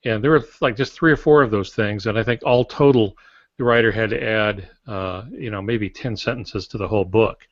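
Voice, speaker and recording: This older man, a podcast co-host and writer, talks at a moderate pace in a fairly low voice, offering casual instruction about writing and telling anecdotes to support his points. He is on a video call from a small indoor home office, and the audio is dull and lo-fi with no room sound.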